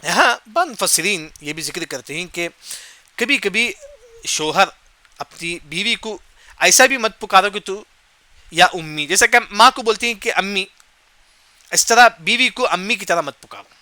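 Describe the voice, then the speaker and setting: A man's voice: sits high, expressive, long pauses, pushed and bright, no room sound. A man giving a Quran commentary lesson. He asks and answers his own questions, repeats key points, and recites short Arabic verse phrases before explaining them. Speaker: Quran teacher.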